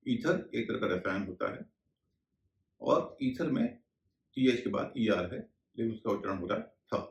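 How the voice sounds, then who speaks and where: A man teaching English pronunciation in a video class, slowly spelling out words letter by letter and repeating example words. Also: mid-range voice, animated, roomy sound.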